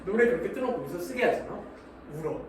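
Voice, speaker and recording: A man's voice: high voice, animated, quick pace. A man teaching math in a classroom, joking in slang, acting out little scenes, and checking often that students follow. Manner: slangy, keeps checking understanding. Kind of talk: classroom lecture. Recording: echoey room from far off, noisy.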